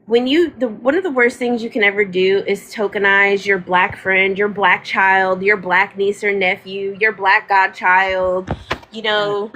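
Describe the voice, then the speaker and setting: A woman's voice: medium pitch, fairly even intonation, measured pace, sharp tone, low-quality recording. A woman, talking casually and emphatically on a livestream, repeating words for stress. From North Carolina, US. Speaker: livestream host.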